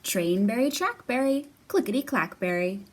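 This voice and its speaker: A woman's fairly high, very animated voice moves at normal speed through a library storytime for young children. Teaching and reading a picture book aloud, she keeps her phrases simple, repetitive and encouraging. Room noise is heavy and the mic distant.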